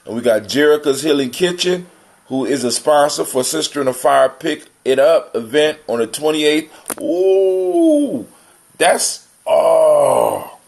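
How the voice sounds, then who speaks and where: This host of a live community call-in show, an American man, speaks on the high side in a sing-song, slow manner with vocal fry and a darkish tone. He talks with his listeners in a relaxed, folksy way, treating them like family.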